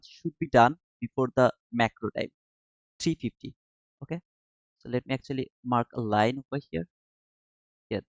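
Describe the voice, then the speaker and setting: In a dull, dry lo-fi recording, the Bangladeshi trading streamer uses his mid-range voice to comment casually on his live chart and chat with viewers.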